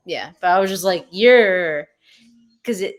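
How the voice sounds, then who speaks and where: A woman's voice: lowish voice, lively intonation, a little slow. Chatty, teasing young American woman. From USA. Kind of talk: casual video chat. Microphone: video call.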